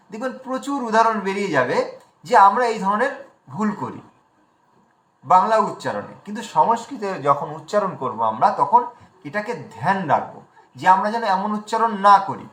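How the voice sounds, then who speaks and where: Bengali male teacher, high voice, patient explainer, echoey room, online class. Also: sharp tone. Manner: explanatory, spells out letters slowly. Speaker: Sanskrit pronunciation teacher. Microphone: video call.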